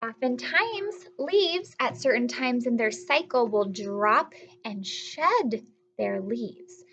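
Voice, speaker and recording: Reading aloud slowly for young children, a woman uses a high, very expressive voice, stretching important words storyteller-style while explaining simply and pausing to ask questions. The audio is a bit dull and lo-fi with faint hiss or hum.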